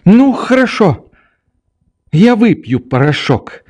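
A man's voice: high-pitched, big pitch swings, takes it slowly, a little mellow, voice pushed up, full character voice. A man reads as a capricious, teasing young girl in a storybook reading, her voice raised well above his usual range. She wheedles and provokes playfully, a small weak voice full of mischief. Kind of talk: audiobook character reading.

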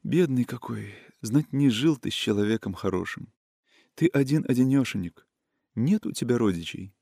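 A man reading a storybook voices a gentle, wistful young woman who speaks in soft, caressing, sing-song folk speech. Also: medium pitch, expressive, moderate pace, creaky, slightly rough, dry recording, studio quality. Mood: tender.

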